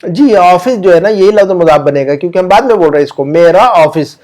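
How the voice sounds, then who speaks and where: Man, Urdu-speaking accent, slightly raised pitch, patient grammar teacher, slow repeated examples, asks questions. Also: darkish tone. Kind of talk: online grammar lesson.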